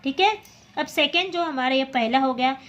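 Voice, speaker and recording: A woman teaching a class, reading syllables aloud one by one in a patient, clear drill and quickly correcting her own slips. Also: high-pitched, fairly bright tone, muffled recording. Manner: addresses students as children.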